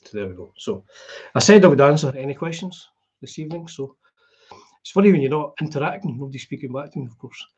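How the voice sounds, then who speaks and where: A middle-aged man with a broad Scottish accent and a husky voice, chatting casually and in a rambling, conversational way as he hosts a live stream. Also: fairly high pitch, animated, quick pace, a little mellow, muffled recording. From Scotland. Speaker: guitar vlogger hosting a live stream. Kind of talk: casual chat.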